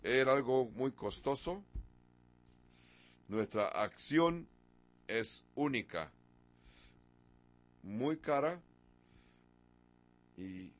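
Speaking very slowly with frequent pauses, this sixty-something man preaches in an animated, medium-pitched voice. He hails from abroad, from a nation once under an emperor, and he fires off rhetorical questions while hitting certain words with abrupt emphasis.

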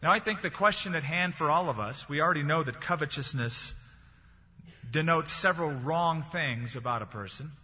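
A man's voice: fairly high pitch, moderate pace, pushed and bright, slightly rough. A male pastor preaching a sermon in a conversational way, quoting scripture and telling light anecdotes. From California. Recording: dull recording in a large reverberant hall.

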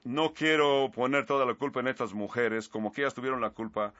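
A man's voice: mid-range voice, fairly even intonation, brisk, fairly bright tone, no echo. A man preaching a sermon, earnestly retelling scripture with asides, on a slightly muffled recording.

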